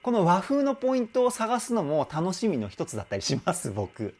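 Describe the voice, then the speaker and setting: A man working as a vocal coach, explaining a singer's technique in an animated, enthusiastic way. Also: high voice, brisk. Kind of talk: song reaction and vocal analysis. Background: faint music from the song being analyzed.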